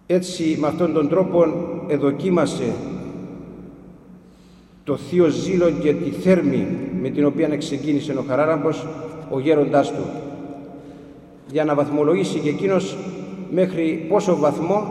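A monk telling stories of monastic elders in an unhurried, halting way with frequent restarts. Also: male voice, on the high side, steady tone, mellow. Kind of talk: storytelling talk about monastic elders. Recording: echoey hall with long reverb.

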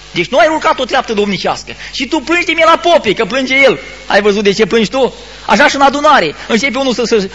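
A male priest giving an admonishing sermon, full of rhetorical questions and halting restarts. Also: very high-pitched, fairly bright tone, low-quality recording. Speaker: Orthodox priest.

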